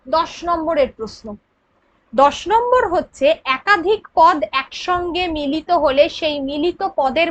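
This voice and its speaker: A woman teacher with a Bengali accent explaining grammar for an exam, patient and checking in with her students. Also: sits high. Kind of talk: exam prep grammar lesson.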